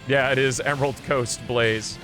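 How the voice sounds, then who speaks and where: A male video game streamer and host offers casual live commentary while he plays, thinking aloud in a rambling, offhand way. His mid-range voice is steady and moves at a normal speed. Video game music plays behind him.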